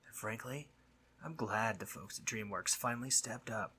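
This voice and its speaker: A man takes on the role of a mischievous, concerned sleep demon in a roleplay audio monologue, husky and chatty, earnest yet teasing, with occasional breathy near-whispers. His voice is on the low side and sharp in tone at a moderate pace, with slight background noise. He comes across as coaxing and teasing.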